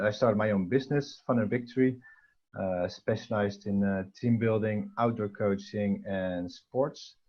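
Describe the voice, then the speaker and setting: A Dutch man with a fairly low voice, speaking English as a second language in a relaxed interview. He hesitates often, circling back through fillers and restarts. His voice comes through a dull, lo-fi video call line. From Netherlands. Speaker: guest. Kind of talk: casual interview talk.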